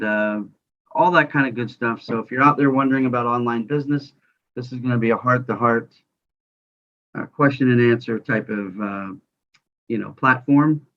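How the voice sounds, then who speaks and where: A man's voice: medium pitch, fairly even intonation, moderate pace. A man hosting an online interview show, talking informally with many fillers. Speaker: podcast host. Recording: slightly dull lo-fi audio.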